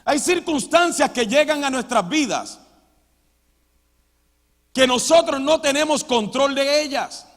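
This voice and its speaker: A male pastor preaching a sermon, emphatic, moving between loud stresses and quiet passages. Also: very high voice, expressive, measured pace, long pauses. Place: church hall. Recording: church hall reverb.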